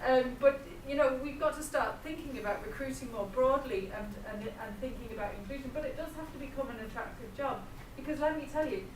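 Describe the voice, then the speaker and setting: In an echoey room with noticeable noise, a woman speaks emphatically from the floor. Her voice is on the higher side and sounds a little away from the mic. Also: brisk, few pauses, far from the mic. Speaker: nursing professor and carer. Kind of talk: emphatic public comment. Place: hotel function room at a public event.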